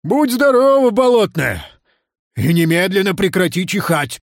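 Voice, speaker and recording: A woman's voice: sits low, sing-song, normal speed, darkish tone, no room sound, clean studio sound. A woman doing a flustered bearded teacher. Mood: pleading.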